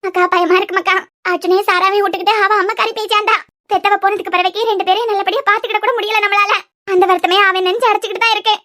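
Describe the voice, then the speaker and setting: A woman's voice: extremely high pitch, steady tone, fast, pushed and bright. Cartoon grandmother, old and anxious, woman voicing; lamenting prayers, Kanyakumari Tamil accent. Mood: anxious praying. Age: older. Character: worried praying old grandmother.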